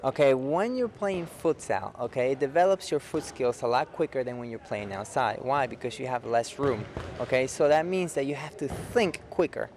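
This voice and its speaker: A man's voice: mid-range voice, lively intonation, normal speed, hardly any pauses, darkish tone, slight background noise. A man in his forties from Peru, a youth futsal coach in a local cable TV interview, who explains simply and keeps checking in with "okay?". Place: indoor futsal facility.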